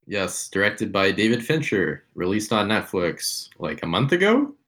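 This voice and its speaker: A man's voice: lowish voice, very animated, unhurried, fairly bright tone. A man co-hosting a film podcast, talking casually, rambling and correcting himself as he goes. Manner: rambling, self-correcting, unsure. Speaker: podcast co-host.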